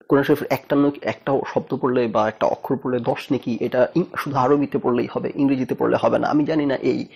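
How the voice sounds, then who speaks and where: A man from Bangladesh talks through his ideas on his own casual show, asking rhetorical questions and dropping English phrases into his sentences. His voice is gravelly, with a husky edge, and sits at a middling pitch. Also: a little mellow. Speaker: host. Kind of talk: casual talk-show monologue.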